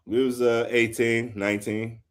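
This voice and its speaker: A man's voice: medium pitch, little pitch movement, unhurried. A man in his fifties, a guest producer telling stories in an easygoing, casual interview chat. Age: 50s.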